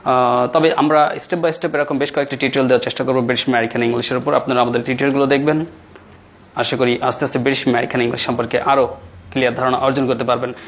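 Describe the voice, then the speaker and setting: A man with a Bengali accent teaching an English lesson in a classroom, explaining step by step and repeating example words slowly. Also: mid-range voice, little pitch movement. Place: classroom with whiteboard.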